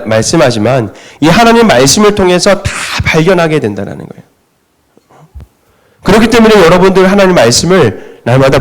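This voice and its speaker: A middle-aged man preaching a sermon in a church, asking the congregation questions and answering them himself. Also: a little high. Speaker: pastor. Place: church sanctuary.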